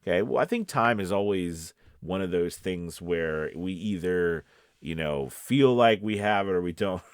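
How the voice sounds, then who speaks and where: He speaks low-pitched and expressive, at a measured pace, with a clean tone captured dry at studio quality. Coaching voice-over and drawing on casting experience, he addresses the camera conversationally and repeats things for emphasis.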